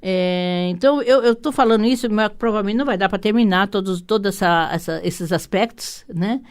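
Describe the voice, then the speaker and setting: A Brazilian woman hosting a radio talk show, explaining astrology in a rambling way, with many restarts and tag questions. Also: medium pitch. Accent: Brazilian Portuguese. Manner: rambling, warm asides with frequent "né?" tags; hurried, many restarts and repeated words. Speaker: radio show host and holistic psychotherapist.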